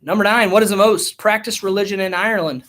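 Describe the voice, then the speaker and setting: A man's voice: high voice, steady tone, quick pace, a bit bright, a little hiss or hum. A man hosting a live school trivia game, reading out questions and answers with an upbeat announcing manner. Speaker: trivia host.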